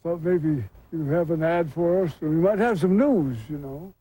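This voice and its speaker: A man's voice: a little high, normal speed, warm tone, breathy edge, low-quality recording. A man over eighty, a small-town editor, chatting casually. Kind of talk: casual chat.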